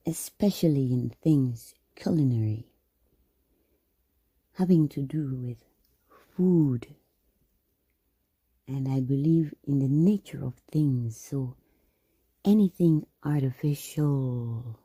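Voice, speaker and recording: Very deep, husky, slow-spoken woman. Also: mellow, no echo. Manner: grandiose, drifting into whispers and rants. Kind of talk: rambling spoken monologue.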